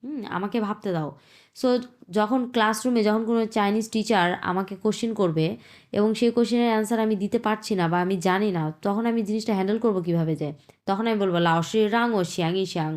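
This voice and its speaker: A woman teaching Chinese in an online lesson, patiently repeating phrases slowly and then explaining them. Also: mid-range voice, a little mellow.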